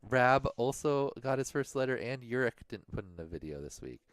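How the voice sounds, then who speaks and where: A man's voice: mid-range voice, very animated, brisk, no room sound, clean studio sound. A man co-hosting a livestream, casually going over race standings and thinking aloud, sometimes mumbling to himself. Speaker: livestream co-host.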